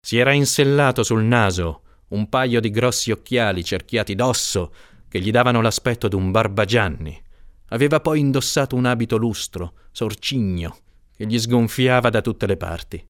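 A man reading a literary short story aloud in an expressive, dramatic way. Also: lowish voice, normal speed, no room sound, studio quality. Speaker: narrator.

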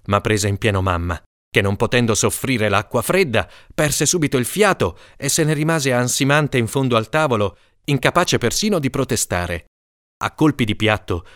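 A man narrating an audiobook in an expressive, lively storytelling manner. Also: medium pitch, dry recording, clean studio sound.

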